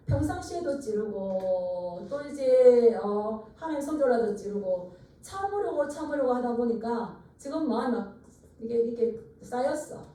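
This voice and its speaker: A woman's voice: fairly high pitch, mellow. Woman preaching in an echoing church. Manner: earnest preaching with call-and-response repetition. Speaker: pastor. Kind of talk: sermon. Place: church sanctuary. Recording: echoey church from far off.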